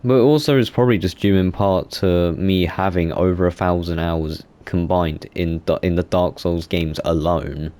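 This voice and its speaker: Young man, late teens, very low pitch, casual gaming monologue, rambling with fillers. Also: steady tone, moderate pace, hardly any pauses, mellow. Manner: rambling, self-correcting, many fillers. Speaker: gaming YouTuber.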